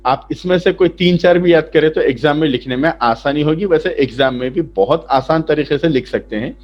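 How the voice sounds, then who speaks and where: A man teaching from a chart, slowly explaining each word and asking then answering his own questions. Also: fairly high pitch, darkish tone. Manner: slow, repetitive explaining, asks then answers. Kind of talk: lesson explaining a vocabulary chart. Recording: dull lo-fi sound.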